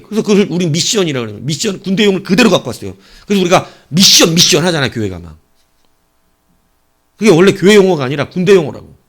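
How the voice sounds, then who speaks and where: A man preaching an evening sermon as pastor, telling a personal story with sudden swings between loud and hushed delivery. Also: high-pitched. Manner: acts out voices of people in his story.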